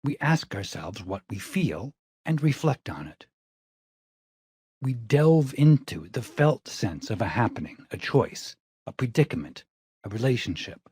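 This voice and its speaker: A man giving calm, measured audiobook narration of a reflective self-help text. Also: medium pitch, husky, no echo, clean studio sound.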